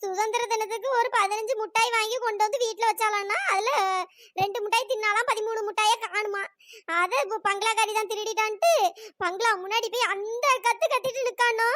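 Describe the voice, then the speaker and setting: A voice actor playing a chattering, gossipy village woman in a cartoon, speaking in a pitch-raised cartoon voice. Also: fairly even intonation, a little fast, bright, forceful tone, dry recording, studio quality. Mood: recounting. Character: gossiping village women neighbours, fussy.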